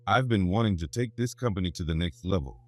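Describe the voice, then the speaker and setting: A man's voice: deep voice, expressive, fast talker, a little mellow, no room sound, voice pushed down. A man voicing a tipsy, jovial male company executive with slightly slurred speech.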